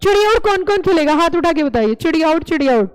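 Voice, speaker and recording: A woman teaching a class, playful and lively, quizzing students with repeated questions. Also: very high voice, racing, rough recording. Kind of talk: classroom lecture.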